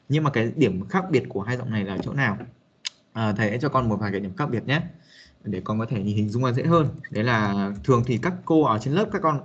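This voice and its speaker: A man's voice: medium pitch, fairly bright tone, highs cut off, a little hiss or hum. A man teaching a casual spoken English lesson, hesitant with many fillers, talking to a young student. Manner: hesitant, many fillers, addresses listener as a child.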